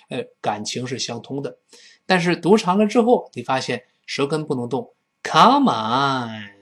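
A man teaching an English lesson in a chatty, humorous way, acting out quoted phrases with sudden high jumps in his voice. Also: slightly rough. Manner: lively, acts out quoted speech with big jumps in pitch. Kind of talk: recorded language lesson.

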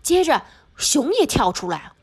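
A woman reading a children's picture book aloud with expressive, animated storytelling. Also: high-pitched, measured pace.

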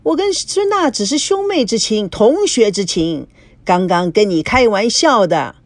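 A cocky young man who keeps needling his friend, as a woman reads him out. His lines swing lively up and down, recorded dry and close. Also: medium pitch, measured pace, no echo. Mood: defensive. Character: smug, teasing young man, a sly friend.

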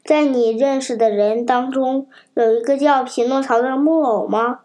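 A woman voicing a big, kindly and wise pigeon in a storybook, speaking gently. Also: high-pitched, fairly even intonation, moderate pace, close to an everyday voice.

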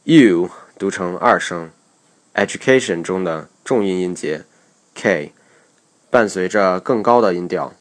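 A man's voice: low-pitched, a little slow. A man teaching pronunciation, reading English example sentences aloud and explaining the stress of each syllable step by step. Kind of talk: pronunciation lesson.

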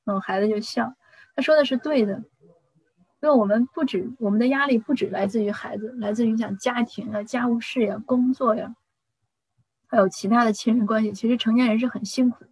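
A woman's voice: on the high side, a little fast, darkish tone, breathy edge, no room sound, low-quality recording. A middle-aged woman talking casually about parenting, with frequent restarts and personal anecdotes. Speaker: parent giving advice. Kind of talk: casual advice talk.

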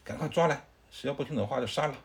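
A man's voice: on the low side, expressive, fairly quick, a little mellow, close to an everyday voice. A man voicing a hot-tempered young male warlord, speaking in an indignant, commanding way. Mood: angry.

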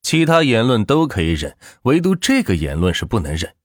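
A man reading a web novel aloud in animated audiobook narration, close to the mic. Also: lowish voice, a little fast, no room sound. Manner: animated storytelling with expressive rises and falls.

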